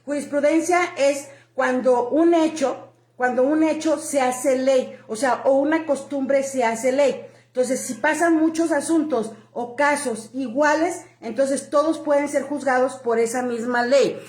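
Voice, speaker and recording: A woman's voice: high voice, unhurried, a little mellow, roomy sound. A woman from Mexico giving an emphatic opinion monologue about immigration, full of rhetorical questions and fillers. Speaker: immigration commentator.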